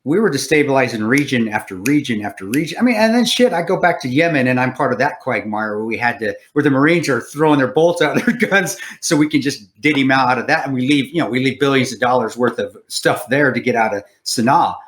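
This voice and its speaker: A man's voice: mid-range voice, expressive, quick pace, hardly any pauses, fairly bright tone. A man hosting a casual interview podcast, telling stories in a profane, rambling way full of restarts. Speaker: podcast host.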